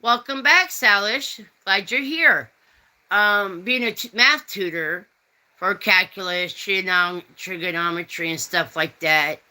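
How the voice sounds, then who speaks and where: A woman's voice: medium pitch, a little slow, pushed and bright, low-quality recording. A woman in her fifties hosting a rambling, folksy live chat and answering viewers' comments. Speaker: host. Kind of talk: casual chat.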